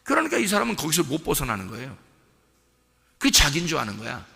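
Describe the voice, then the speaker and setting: A man preaching a sermon as a pastor, dropping to low murmurs and then rising to shouted emphasis. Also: huge pitch swings, fast talker, vocal fry, in a large hall. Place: church sanctuary.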